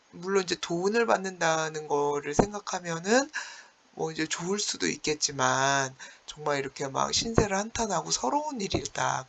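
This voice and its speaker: Gravelly-voiced male teacher telling a story. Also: on the high side, background noise. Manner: animated storytelling, retelling with exclamations. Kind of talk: online class lecture.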